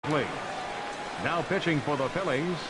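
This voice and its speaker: A man voicing a stadium public address announcer in a sports video game, stretching out names over a distant, echoing PA system above loud crowd noise. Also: fairly high pitch, unhurried. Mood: announcing.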